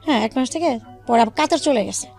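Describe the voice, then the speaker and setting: With faint music in the background, a woman speaks quickly and animatedly in a high, slightly mellow voice with vocal fry. Appearing on a radio interview, she narrates her life in detail and performs remembered dialogue in her own voice.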